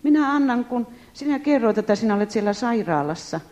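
A woman voicing a kindly, eager old woman of about sixty in a raised, excited voice. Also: a little high, close to an everyday voice. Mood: insistent.

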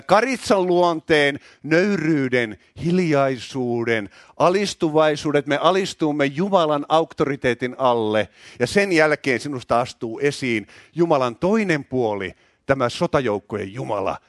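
Loud, high-voiced preacher man. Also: dry recording, studio quality. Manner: shouting, excitable, repeats words when worked up. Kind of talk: loud charismatic sermon.

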